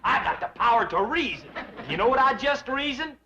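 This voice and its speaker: A man's voice: very high voice, expressive, a little fast, slight background noise, heavily acted. An actor playing a dim-witted, boastful young hillbilly man with a drawl, in 1960s sitcom style. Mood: goofy. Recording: dull old TV audio with loud laugh track.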